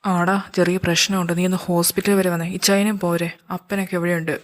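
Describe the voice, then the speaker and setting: A woman's voice: on the low side, level tone, fast. A woman acting in a fan audio drama, speaking plainly and conversationally while voicing male characters.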